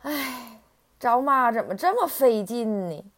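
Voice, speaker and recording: A woman voicing a group of small, eager tadpoles calling out in a high, plaintive way. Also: sing-song, normal speed. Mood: musing.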